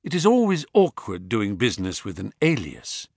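A shrewd detective speaks in a bland, measured, quietly assured way, as a male reader puts him on. His pitch still moves a lot. The sound is dry and close. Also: huge pitch swings, creaky, breathy edge, dry recording, exaggerated voice.

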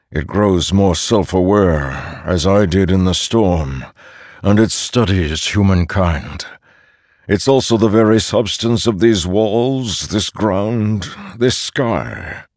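A man voicing an ancient male storm spirit with a rumbling voice, speaking slowly and solemnly in an audiobook. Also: a little mellow, dry recording, clean studio sound. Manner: slow, solemn and heavy.

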